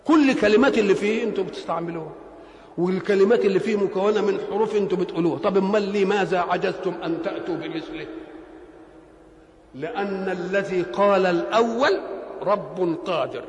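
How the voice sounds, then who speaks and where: A man with an Egyptian Arabic accent giving a religious lecture, asking rhetorical questions and letting the listeners answer. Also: high voice. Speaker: preacher. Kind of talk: religious lecture explaining scripture. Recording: roomy hall with long reverb.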